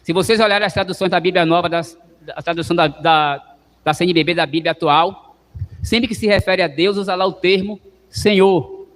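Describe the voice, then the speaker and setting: A man's voice: high-pitched, normal speed, a bit bright. A man, a parish priest, preaching a sermon in a teaching way, having the congregation repeat words and often checking with "não é?". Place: church. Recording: long church reverb.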